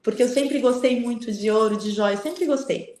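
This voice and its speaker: Woman, middle-aged guest, animated storyteller who acts out voices; lightly high voice, roomy sound. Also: moderate pace. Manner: animated storyteller, acting out dialogue. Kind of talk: spiritual testimony in a live chat. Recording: echoey room.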